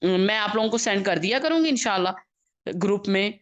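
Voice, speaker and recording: A woman teaching Quran recitation in an online class, checking in often with her students and stretching out each letter sound slowly as she demonstrates. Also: medium pitch, expressive.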